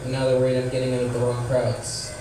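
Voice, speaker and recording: A man's voice: medium pitch, monotone, fast. A man performing a stand-up comedy set, delivering short jokes to a live venue. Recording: echoey room, distant mic, noisy.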